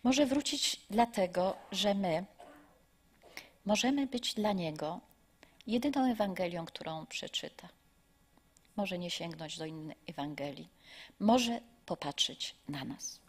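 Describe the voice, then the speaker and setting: A middle-aged woman giving a lecture that includes a spoken story, talking in a measured, earnest way that often drops to soft near-whispers. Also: lowish voice, animated, husky.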